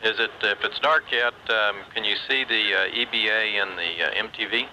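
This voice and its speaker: A man's voice: on the low side, steady tone, normal speed. A man working as a ground communicator, asking polite procedural questions over a radio link. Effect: radio transmission. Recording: faintly noisy space radio link.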